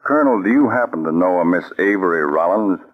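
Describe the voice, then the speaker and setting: A fast-talking man with a low voice and lively intonation voices a commanding, authoritative chief of counterspies. It's a 1940s radio drama, and the broadcast quality is dull.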